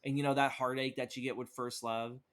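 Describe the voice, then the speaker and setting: A young man talks casually on a podcast, rambling from one thought to the next and swearing freely. His voice sits at an ordinary middle pitch. He leans heavily on fillers and quick restarts. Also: level tone, fairly bright tone. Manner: rambling, profane, lots of fillers. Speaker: podcast co-host. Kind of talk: casual chat.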